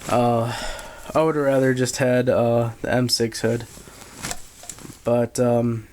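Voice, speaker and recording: A man giving a casual, unscripted gear review in a halting, low-key way with frequent pauses. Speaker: military surplus collector reviewing gear. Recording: steady background noise, handheld camera.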